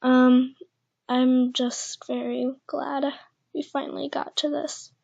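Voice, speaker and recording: A young woman with a lisp, talking quietly and awkwardly with many pauses in a casual vlog, keeping her voice down at home. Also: high voice, little pitch movement, vocal fry. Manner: awkward, hesitant, speaking quietly to keep her voice down. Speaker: channel host. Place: echoey house, indoors. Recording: dull lo-fi home recording.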